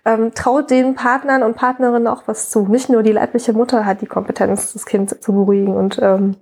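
A fairly high-voiced woman in her thirties speaks candidly as an interview guest. She talks in a loose, conversational flow, often tagging her sentences with a quick question and restarting her phrases. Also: fairly even intonation, darkish tone, husky. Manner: candid, frequent "ne?" tags, many restarts. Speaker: guest, mother of a colicky baby.

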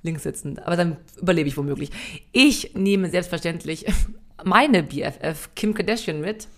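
A woman's voice: lowish voice, normal speed. A woman co-hosting a comedy podcast, giggling and stumbling over her words as she plays a silly memory game. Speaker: podcast co-host.

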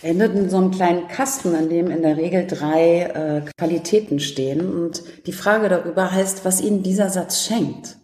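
A woman author telling lively anecdotes in an interview and laughing often. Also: fairly low pitch, moderate pace, hardly any pauses, echoey room. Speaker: guest author. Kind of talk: interview talk.

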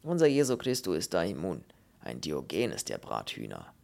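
A man reading the lines of a calm, ironic fellow prisoner in a dry, sardonic manner. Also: a bass voice, moderate pace, creaky, pitched below the performer's own voice, heavily acted.

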